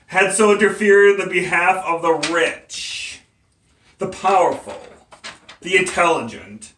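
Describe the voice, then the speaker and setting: A poet and playwright performs a theatrical courtroom monologue as a condemned abolitionist captain, defiant and devout. His tense, bright, fairly high voice comes out slow and emphatic, indignant and forceful, with halting oratory and stumbles. The distant mic catches an echoey room and a slight hiss or hum.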